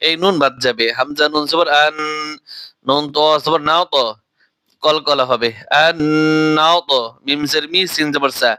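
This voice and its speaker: A Bangladeshi man teaches Quran reading, spelling out each Arabic letter and then chanting it in slow, drawn-out syllables. His voice is bright, clear and a little high. It sits close and dry on the microphone. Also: no echo. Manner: slow, deliberate, drawn-out recitation.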